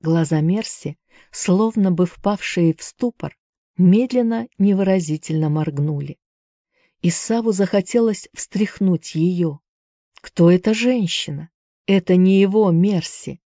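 Woman narrating an audiobook with a mellow voice. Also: on the low side, measured pace, no room sound, studio quality.

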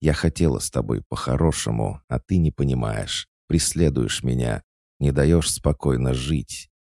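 A man's voice: extremely low pitch, moderate pace, gravelly, darkish tone, no room sound, clean studio sound, full character voice. A man putting on a stern, scolding older witch mother. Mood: angry. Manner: scolding, indignant. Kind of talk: audiobook character voice.

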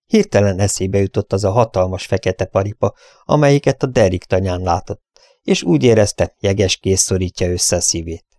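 Gravelly, low-voiced male audiobook narrator. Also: expressive, a little mellow, no echo, studio quality. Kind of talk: audiobook narration of an adventure novel.

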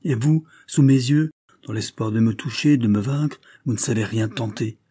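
A man's voice: mid-range voice, moderate pace, dark tone, slightly rough, no echo, clean studio sound, natural voice. A man voicing a proud young noblewoman who speaks in a bitter, reproachful, impassioned way. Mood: scornful reproach.

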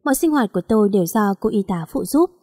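A woman reading a story aloud in a steady, even narration. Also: medium pitch, fast talker, breathy edge, dry recording, clean studio sound.

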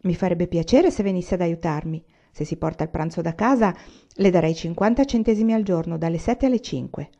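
A woman reading the part of a gentle, mild-voiced dressmaker in a storybook. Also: on the low side, brisk, highs cut off.

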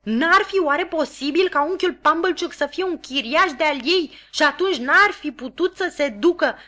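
A woman voicing a sharp-tongued, scolding village housewife who snaps and shouts her lines. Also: on the high side, big pitch swings, exaggerated voice. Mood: reproachful.

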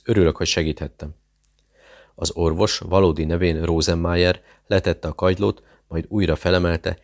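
A man reading a thriller audiobook aloud, narrating and voicing the dialogue in a steady, measured way. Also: extremely low pitch.

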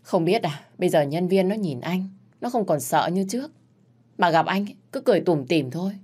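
A woman voicing a busy boss husband who speaks softly and pleads with his wife. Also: lowish voice, expressive, brisk, husky. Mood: pleading. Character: hardworking husband, a boss, gentle and yielding.

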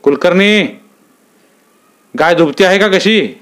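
A male storyteller voicing a gruff, abusive middle-aged police inspector who barks and curses at his men. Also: sits high, takes it slowly, a bit bright, voice pushed up. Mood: mocking. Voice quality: barking, cursing.

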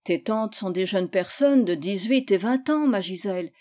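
A woman voicing a gentle, patient mother in a storybook reading. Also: mid-range voice, animated, normal speed, lightly acted. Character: gentle, pleading young mother.

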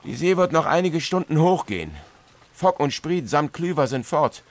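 A man voicing a loud, bluff middle-aged sea captain in a radio play, bellowing orders through a storm and dropping English sailor words into his German. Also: a little high, lively intonation, moderate pace, voice pushed up. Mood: gruff relief.

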